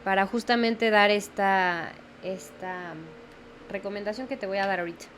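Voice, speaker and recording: Here a young woman leads a step-by-step watercolor tutorial, unhurried and slow to explain, regularly checking on the viewer. Her mid-range female voice has a fairly bright tone, with a faint hiss in the background.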